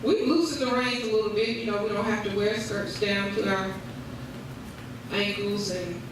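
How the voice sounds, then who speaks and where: A woman's voice: mid-range voice, fairly even intonation, normal speed. A woman preaching a revival sermon in declarative, repeated phrases, punctuated with praise. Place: large indoor room at a church service. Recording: echoey church hall, distant mic, noisy.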